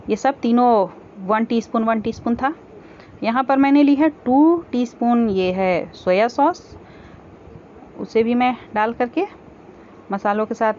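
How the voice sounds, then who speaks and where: A woman hosting a cooking channel, calmly explaining each step of a home recipe in a voice-over. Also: on the high side. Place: home kitchen. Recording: slightly dull home recording with faint background hiss.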